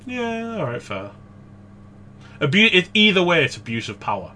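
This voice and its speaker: A man co-hosting a casual gaming podcast, chatty and rambling, quick to laugh. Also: sits high, big pitch swings, pushed and bright, slight background noise. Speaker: podcast co-host.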